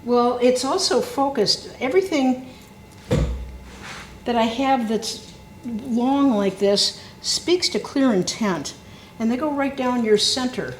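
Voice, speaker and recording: A woman's voice: on the high side, slow pace. Enthusiastic woman guest in an echoey room. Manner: enthusiastic, reflective. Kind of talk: casual chat. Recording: echoey room with faint noise.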